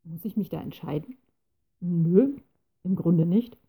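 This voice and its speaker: A calm, drowsy little dragon from a read-aloud storybook, teasing and unbothered, voiced by a woman. The voice is low and very dark, with a gravelly creak and a husky edge. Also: measured pace, full character voice.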